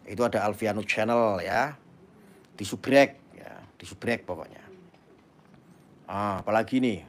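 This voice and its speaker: A man's voice: fairly low pitch, measured pace. A man hosting a casual live stream, talking fervently and urging his viewers in a preachy way. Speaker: YouTube channel host.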